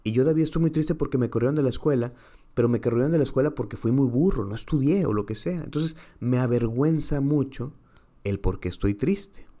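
A man's voice: mid-range voice, a little fast, dark tone. A man, a psychologist explaining ideas with small acted-out dialogues. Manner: acts out little dialogues in varied voices.

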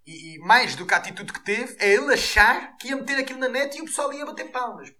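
A man with a European Portuguese accent hosting a podcast, delivering an animated, profane comic rant. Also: extremely high pitch, fast talker. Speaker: podcast host.

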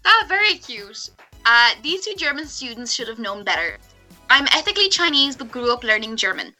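A woman's voice: fairly high pitch, sing-song, normal speed, bright, forceful tone, faint music behind. A woman co-hosting a casual chat, blunt and casually swearing, reading stories aloud.

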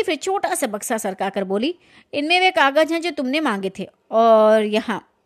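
A woman reading a literary short story aloud, then talking it over in her own words with some hesitation. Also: high voice. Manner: reads dramatically, then comments with fillers.

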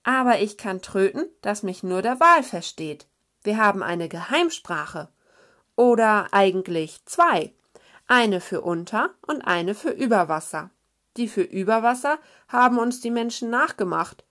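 A woman's voice: mid-range voice, lively intonation, a little slow, fairly bright tone. A woman voicing an earnest female seal who explains things carefully.

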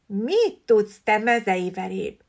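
A woman voicing a vain, boastful budgie parrot in a storybook reading, with a shrill screech and slow sing-song self-praise. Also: sing-song.

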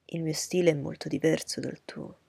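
A woman voicing a proud, reserved gentleman. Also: deep voice, steady tone, vocal fry, breathy edge, no echo, full character voice. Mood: cool. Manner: cool, measured, lecturing.

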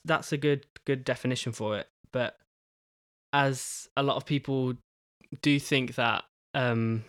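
A young man hosting his own podcast in a casual solo talk, halting, with many pauses and restarts. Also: medium pitch, no room sound, clean studio sound. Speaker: podcast host.

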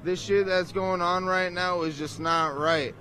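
Man protester, emotional and earnest, bright forceful voice, faint street noise behind. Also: sits high, fairly even intonation, a little slow. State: choked up. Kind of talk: street interview. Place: outdoor city street.

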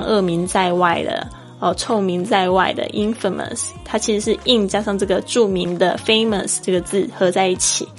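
A Taiwanese woman with a Taiwanese Mandarin accent hosts a podcast English lesson, chatting and explaining as she spells words out letter by letter. Her voice sits in the mid range, and she is an English teacher and podcast host.

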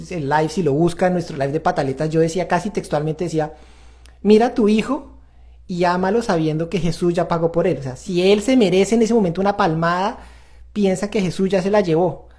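A man's voice: high voice, brisk, a little mellow. A man hosting a faith-based parenting talk, earnest and confessional as he speaks straight to viewers. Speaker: parenting show host.

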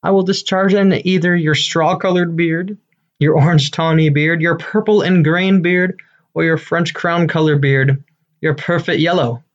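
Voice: mid-range voice, steady tone, a little slow, close to an everyday voice. A self-important amateur thespian of a man, as an actor plays him, declaiming eagerly and bombastically. It is Shakespearean comedy, in a slightly dull recording. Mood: boastful. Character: Bottom, boastful, eager amateur-actor weaver, adult man.

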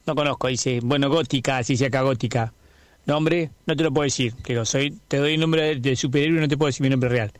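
A man's voice: medium pitch, fast talker, dry recording, close to an everyday voice. A man with an Argentine accent playing a bumbling, boastful superhero who is afraid of everything, rambling through a radio comedy sketch and acting out each voice in his tale. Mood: rambling, comic. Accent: Argentine Spanish.

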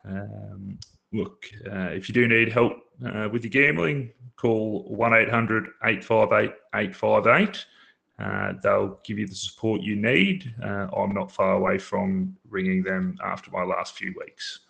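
A man's voice: lowish voice, steady tone, measured pace, vocal fry, fairly bright tone. An Australian man hosting a casual betting podcast, talking in a blokey, colloquial way. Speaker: podcast host.

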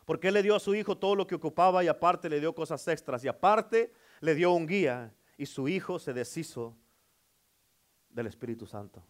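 A man's voice: a little high, animated, normal speed. A man preaching a storytelling sermon, talking straight to the congregation and saying "amén" often. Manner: addresses the congregation directly, frequent "amén".

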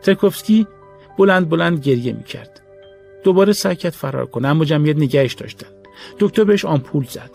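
A man narrates a story in a steady, measured way, with a somewhat high, gravelly voice. Faint music plays underneath. It is an audiobook reading.

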